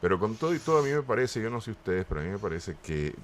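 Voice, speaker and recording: A man's voice: lowish voice, big pitch swings, racing, a little hiss or hum. A man with a Nicaraguan Caribbean-region Spanish accent, co-hosting a live current-affairs discussion on radio. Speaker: radio show co-host.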